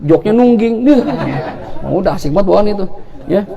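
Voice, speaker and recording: Ceramah seorang pria bersuara tinggi. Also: male voice, high-pitched, a little fast, gravelly, dull audio, crowd noise. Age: 40s. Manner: animated storytelling with jokes and acted dialogue. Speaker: preacher. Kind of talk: Islamic sermon. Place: event hall.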